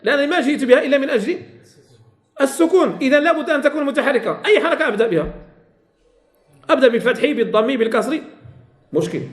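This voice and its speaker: A man's voice: high-pitched, reverberant. A man teaching a lesson on Quran recitation, often questioning his students and repeating key phrases. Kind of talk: classroom lesson.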